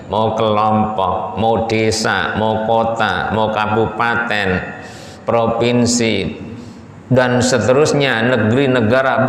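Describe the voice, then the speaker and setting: An ustadz teaches Quran commentary in a mosque hall in a casual, colloquial and animated way, acting out Satan's pleading in a high voice and slowing down to list items one by one. A distant mic captures the echoey hall along with a faint hum.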